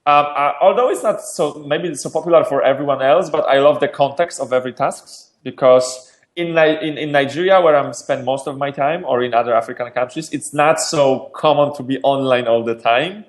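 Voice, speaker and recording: Answering interview questions, a Polish-speaking startup founder from Poland sounds lively and energetic, repeatedly restarting and doubling up words. He talks a little fast in a mid-range voice.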